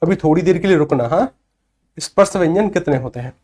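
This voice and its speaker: A man's voice: on the high side, expressive, fairly quick, darkish tone. A man in his thirties teaching a lecture, asking questions and repeating the answers to drill them in. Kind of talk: classroom lecture.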